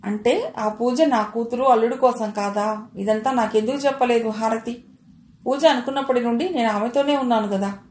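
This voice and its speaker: A suspicious, sharp-tongued older mother-in-law, voiced by a woman narrator. She scolds and accuses in a slightly high voice. The recording carries a roomy echo. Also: moderate pace, a little hiss or hum, natural voice. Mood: indignant.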